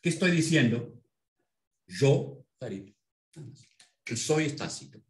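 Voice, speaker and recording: A man teaching a language in an interview, patiently explaining and spelling out words slowly. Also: mid-range voice, lively intonation, reverberant. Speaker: Arabic language instructor.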